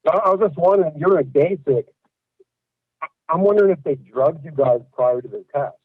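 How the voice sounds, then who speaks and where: A man's voice: on the high side, brisk, dry recording. Male caller, hollow pipe-like phone sound, tinny narrow line, plain questioning manner. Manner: asks questions plainly, with short restarts. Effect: hollow phone line, like talking through a pipe. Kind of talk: call-in radio chat.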